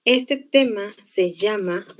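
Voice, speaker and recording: A woman teaches an online class at an unhurried pace, laying out each point patiently. She pauses to check that her students follow, and her voice sits in an ordinary middle register. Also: mid-range voice, a bit bright. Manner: slow, patient explaining with check-in questions. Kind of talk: online class lecture on electric circuits.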